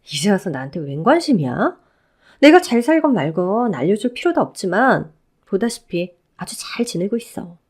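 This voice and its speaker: A woman playing a sharp-tongued divorced woman who answers her ex-husband coldly and with contempt, in a Korean audio drama. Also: medium pitch, very animated, normal speed, breathy edge. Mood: scornful. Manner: cutting, scornful. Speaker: flight attendant.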